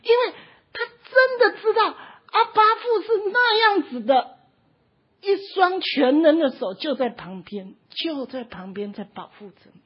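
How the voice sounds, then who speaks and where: A woman's extremely high, lively voice carries an emotional sermon at a measured pace. Impassioned and often on the edge of tears, she peppers her sentences with little "ha" tags, captured in dull lo-fi sound.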